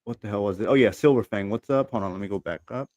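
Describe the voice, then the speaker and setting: A man's voice: lowish voice, fast talker, darkish tone, dry recording. A man with a lisp hosting a podcast in casual chat, laid-back, reading out chat comments and laughing often.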